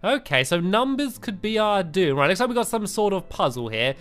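A man's voice: sits high, big pitch swings, a little fast, a bit bright. A man giving casual game commentary with a playmate, rambling and giggly with lots of restarts. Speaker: gamer co-host. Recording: faint music behind.

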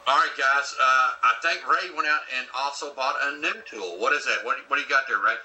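A man's voice: medium pitch, fairly quick, sharp tone, low-quality recording. A man hosting a casual video call, enthusiastic and slangy, calling people brother and man. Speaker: channel host.

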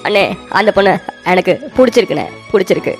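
A woman's voice: mid-range voice, lively intonation, fast talker, faint music behind, lightly acted. A woman voicing an emotional, naive young man in a cartoon story, talking in a whiny, pleading way. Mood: tearful.

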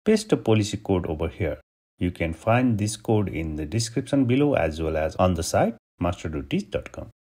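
A man from Nepal narrates a screen-recorded tutorial, giving clicks and steps one at a time. His voice is low and a little husky. His pitch swings widely from phrase to phrase. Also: normal speed. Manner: steady step-by-step instructions. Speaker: tutorial host.

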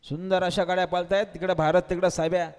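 High-voiced man over an outdoor loudspeaker. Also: little pitch movement, fast talker, clean tone, long reverb tail. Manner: loud calls and instructions to the crowd. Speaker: race announcer. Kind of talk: live event commentary.

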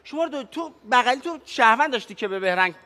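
A man's voice: extremely high pitch, expressive, sharp tone, in a large hall. A man, a game show contestant, arguing insistently and pointing accusations at other players. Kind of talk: heated argument at a game table.

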